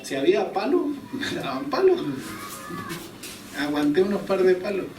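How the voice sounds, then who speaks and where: Male preacher, fairly high voice, casual storytelling sermon, echoey church from a distance. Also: big pitch swings, normal speed, over music. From Chile. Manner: conversational storytelling, chuckles at himself. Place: church hall.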